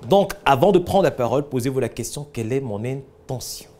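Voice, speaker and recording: A man teaching public speaking, emphatic and lively, acting out examples and asking the audience rhetorical questions. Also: mid-range voice, a little fast.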